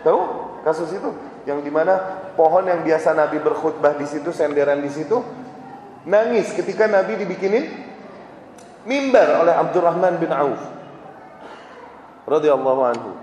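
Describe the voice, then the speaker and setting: A man a fairly high voice preaches in a large mosque, acting out each character's lines lively storytelling. His voice rings through a roomy hall a long echo and a faint hum of noise behind it. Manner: animated storytelling, acts out quoted voices, mixes in Arabic phrases. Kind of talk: mosque lecture.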